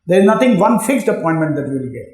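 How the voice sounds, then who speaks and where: High-pitched Indian man interviewing, echoey room. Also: very animated, fast, darkish tone. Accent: Indian English. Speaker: interviewer and coach. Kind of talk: formal interview questions and feedback.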